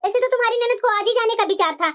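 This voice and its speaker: A woman's voice: extremely high pitch, quick pace, a bit bright. A woman voicing a fussy, nagging middle-aged mother in a family cartoon drama. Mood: coaxing.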